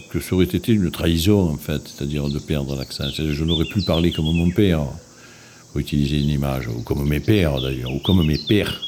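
A man in his sixties from Marseille with a strong Marseille accent, speaking thoughtfully and hesitantly about keeping his accent. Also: extremely low pitch. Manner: thoughtful, hesitant with many pauses. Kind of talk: reflective interview testimony. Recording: noisy background.

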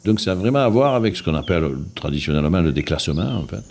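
A man's voice: sits low, lively intonation, vocal fry, a little mellow. A man in his sixties from Marseille with a strong Marseille accent, speaking thoughtfully and hesitantly about keeping his accent. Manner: thoughtful, hesitant with many pauses. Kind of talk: reflective interview testimony. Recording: noisy background.

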